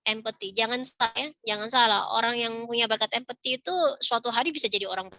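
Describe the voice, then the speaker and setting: A woman's voice: fairly high pitch, quick pace, bright, forceful tone, dry recording. A middle-aged woman speaking on a video call, giving a casual parenting talk and acting out little dialogues with children. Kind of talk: informal webinar talk.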